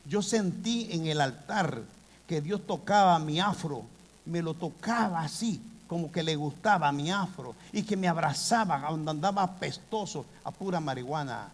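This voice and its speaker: A man preaching a sermon, impassioned, with sudden loud bursts. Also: fairly high pitch, moderate pace. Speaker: pastor. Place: church hall. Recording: long hall reverb.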